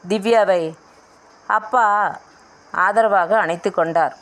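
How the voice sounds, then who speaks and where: A woman's voice: mid-range voice, slow pace. A woman reading a family novel aloud as an audiobook narrator, voicing the dialogue in her own voice.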